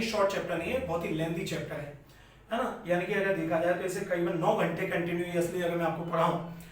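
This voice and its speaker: A man's voice: sits high, slight background noise. A man teaching a Hindi grammar lesson, explaining step by step and repeating key points, in an echoey room far from the mic. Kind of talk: classroom lecture.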